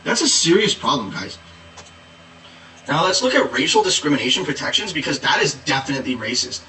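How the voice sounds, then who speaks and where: In a sarcastic, satirical comedy monologue, a man plays a preachy, exasperated activist who speaks valley-style, constantly saying "like" and "duh." His voice is fairly high, sing-song, pushed and bright, a little fast. The poor audio sounds roomy and distant from the mic, with a little hiss or hum.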